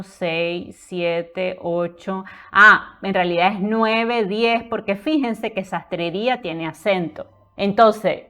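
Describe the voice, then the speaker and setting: A woman's voice: mid-range voice, smooth. A woman teaching a poetry lesson, explaining patiently and often checking in with her listeners. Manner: explanatory, checks in with frequent rhetorical tags; counts syllables aloud slowly. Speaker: literature teacher.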